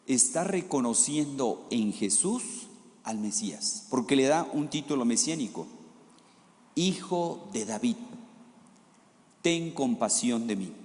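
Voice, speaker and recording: A man's voice: mid-range voice, a little mellow, in a large hall. A man, a priest giving a conversational homily, often asking rhetorical questions and acting out the quoted lines.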